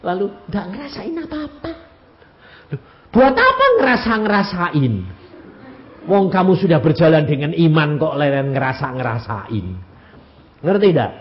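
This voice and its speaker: A man's voice: fairly high pitch, animated, moderate pace, long pauses, dull audio. A man, preaching a sermon and scolding and questioning his congregation. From Central Java, Indonesia. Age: 80s. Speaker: evangelist preacher.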